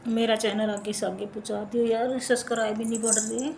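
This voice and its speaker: A young woman vlogging casually from her hot home kitchen, hoarse and unwell, chatting and complaining straight to her viewers. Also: on the high side, little pitch movement, a little fast, darkish tone. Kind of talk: casual chat to camera. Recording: echoey room, faint noise.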